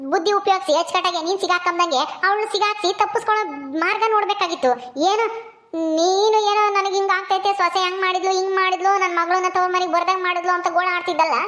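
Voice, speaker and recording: A woman's voice: very high-pitched, steady tone, quick pace, fairly bright tone. A woman voicing a meddling old village grandmother who nags and needles. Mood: needling. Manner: nagging, needling.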